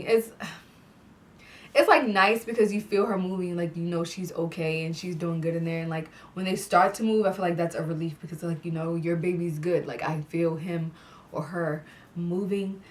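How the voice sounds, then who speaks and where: This young vlogger's fairly low voice is captured on a distant mic as she chats casually to camera about her pregnancy. She's stuffy-nosed and clears her throat, laughing often and using "like" as filler. She's indoors in a room with fairy lights.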